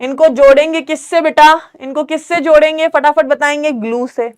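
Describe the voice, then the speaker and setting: A young woman teaching biology in a live online class, mixing English terms into Hindi, quizzing students and asking whether it is clear. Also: high voice, steady tone, moderate pace, a little mellow. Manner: calls students "beta", quizzes them, asks if it's clear.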